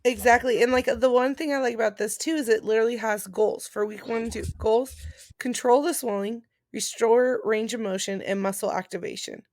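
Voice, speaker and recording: A woman's voice: on the high side, fairly even intonation, a little fast, darkish tone, dry recording. A woman chatting casually and informally as she explains things step by step. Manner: informal, explanatory, reading out points then paraphrasing. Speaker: vlogger and post-surgery patient. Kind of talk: casual chat about recovery.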